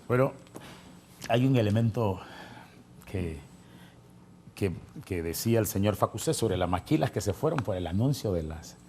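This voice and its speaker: A man's voice: fairly low pitch, lively intonation, moderate pace, long pauses, a little mellow, a little hiss or hum. A man on a debate panel, talking in an insistent, argumentative way and repeating himself as he presses his point. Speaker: panel guest.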